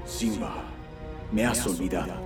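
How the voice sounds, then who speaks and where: A man voicing a stern, wise king lion who speaks to his son in a grave, measured way. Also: low voice, over music. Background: film score.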